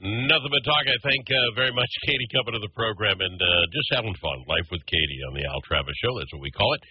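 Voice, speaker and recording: A man's voice: on the low side, expressive. A man in his sixties hosting a radio talk show, chatting casually and joking with his guest. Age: 60s. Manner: jokey, quick asides, laughs often. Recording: slightly dull radio sound.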